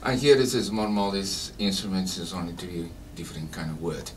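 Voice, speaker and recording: A man from Peru speaks in a lowish voice, halting through his English with frequent pauses and fillers. He sounds a little distant from the mic, with a faint hiss underneath. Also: lively intonation. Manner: halting non-native English with many fillers. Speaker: guest musician. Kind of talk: radio interview. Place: children's museum radio studio.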